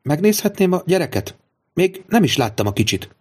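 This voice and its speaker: A man reading aloud, voicing an anxious, loyal young girl in a soft, earnest voice. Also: fairly high pitch, sing-song, slightly rough, voice pushed up. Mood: eager.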